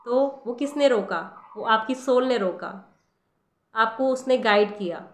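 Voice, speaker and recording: A woman's voice: a little high, measured pace. A woman giving a casual spiritual talk on meditation, speaking straight to the listener and asking rhetorical questions. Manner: conversational, addresses listener directly with rhetorical questions. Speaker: meditation teacher. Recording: echoey room.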